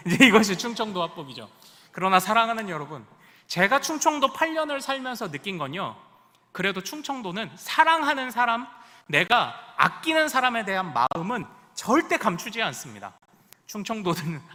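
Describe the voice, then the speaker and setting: A man's voice: sits high, bright, forceful tone, in a large hall. A male pastor preaching a sermon in a church sanctuary, with rising emphasis and questions put to the congregation. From Korea.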